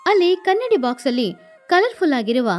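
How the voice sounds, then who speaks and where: Woman narrator for a children's cartoon; high voice, steady storybook delivery. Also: normal speed, faint music behind.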